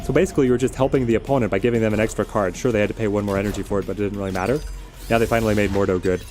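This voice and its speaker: Low-voiced man casually commentating a game. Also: steady tone, rapid-fire, darkish tone. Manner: conversational, explains strategy while thinking aloud. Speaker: game streamer answering viewers' questions. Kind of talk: casual live gameplay commentary. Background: music.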